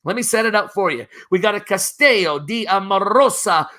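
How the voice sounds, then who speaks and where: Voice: medium pitch, lively intonation, a little fast, pushed and bright. A charity auctioneer calling a live virtual auction, upbeat and urging bidders on by name. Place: virtual gala broadcast.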